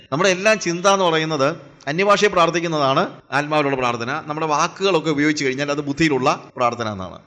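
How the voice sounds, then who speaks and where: A man's voice: on the high side, a bit bright. A man from preaching a Bible teaching sermon, asking rhetorical questions and mixing in English phrases. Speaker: evangelist.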